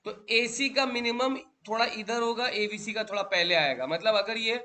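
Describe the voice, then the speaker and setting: A man's voice: sits high, moderate pace, bright, forceful tone. A male teacher lecturing a class, drilling students with repeated questions and calling them beta.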